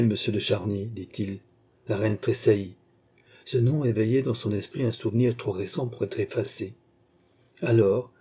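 Dark, husky male audiobook narrator. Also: medium pitch. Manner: measured, literary reading. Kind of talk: scripted narration.

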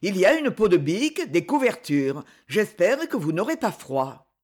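A woman's voice: on the low side, big pitch swings, moderate pace, a little mellow. A woman doing a kindly old farmer. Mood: hearty, welcoming. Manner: simple, hearty rural speech. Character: kindly, plain-spoken older male farmer.

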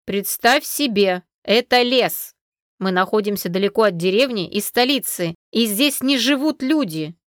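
A woman voicing a young male dragon, the heroine's cousin, who speaks calmly and matter-of-factly in an audiobook. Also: mid-range voice, measured pace, no room sound, natural voice. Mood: lecturing. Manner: calm, dry, matter-of-fact.

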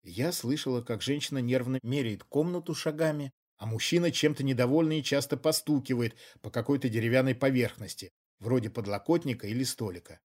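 Man narrating an audiobook evenly. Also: medium pitch. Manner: even, measured storytelling. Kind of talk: scripted narration.

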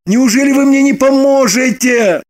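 An actor playing an excitable young man who bursts into shouts and pleads desperately. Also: extremely high pitch, moderate pace. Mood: pleading. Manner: loud, shouting outbursts.

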